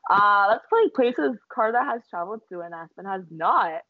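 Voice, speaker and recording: Her mid-range voice is expressive and moves at a moderate pace as this young woman co-hosts a podcast. She chats casually, giggling and swearing freely; the recording has no room sound but sounds dull and lo-fi.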